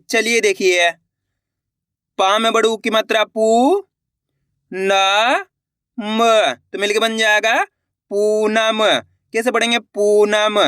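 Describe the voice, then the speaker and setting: A man with a high, bright voice teaches reading in an online video lesson. He drags out each letter sound slowly and keeps calling his viewers friends. His voice sits close and dry, with no room around it. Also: clear, resonant tone, dry recording.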